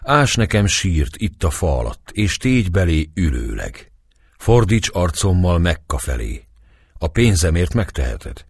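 A man voicing a captive Turkish male warrior, cunning and pleading, with a husky voice. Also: low voice, very animated, no room sound, clean studio sound, heavily acted. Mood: proud. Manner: pleading, wily.

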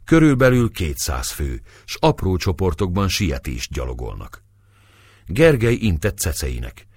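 A man reading a historical novel aloud in a measured storytelling manner. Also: deep voice, sing-song, darkish tone, breathy edge, no room sound, studio quality. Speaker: narrator. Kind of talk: audiobook narration of a historical novel.

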